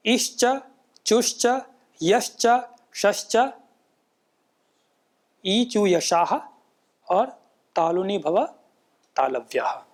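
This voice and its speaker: This man teaches Sanskrit pronunciation in a high-pitched, expressive voice, lecturing with patience. His rules come out as measured chanting, and he keeps circling back to points while asking "है ना" again and again.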